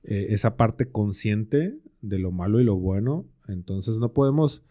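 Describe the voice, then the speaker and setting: A man co-hosting a podcast chats casually through a Bible passage, using slangy everyday examples and rhetorical questions in a conversational way. His voice is fairly low and dark in tone, animated but unhurried.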